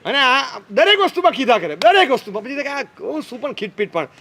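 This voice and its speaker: Give me a quick-talking man with a high voice, giving a teasing, light-hearted sermon to youngsters. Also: sing-song, pushed and bright, slight background noise. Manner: playful, teasing, mimics parents and teens. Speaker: speaker addressing young people. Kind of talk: humorous sermon.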